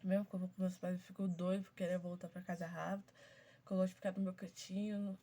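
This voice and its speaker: A woman in her twenties with a stuffy, congested voice, chatting casually to her viewers as she slowly reads out questions and answers each one briefly. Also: fairly low pitch, flat delivery, dark tone. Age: 20s. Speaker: YouTuber. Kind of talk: casual chat to viewers, reading out a question game.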